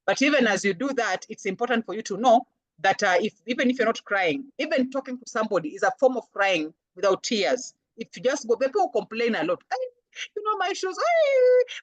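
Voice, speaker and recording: Woman, Kenyan accent, counselor's talk, animated, playful quoted voices, dry sound. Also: medium pitch, no room sound, dull audio. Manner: animated, acts out little voices when quoting people. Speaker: guest speaker, counselor. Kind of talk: lecture-style talk.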